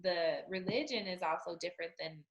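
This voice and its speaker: Here the Utah author, a guest in a conversational interview, talks fairly quickly in a lowish voice, reflecting openly and dropping "you know" frequently. The recording is rough and reverberant.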